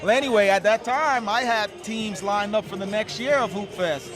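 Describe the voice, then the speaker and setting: Over crowd noise and loud music at an outdoor tailgate, a man from the Bahamas who founded a nonprofit gives an interview as a guest. He has a high voice and talks at a moderate pace, earnest and conversational.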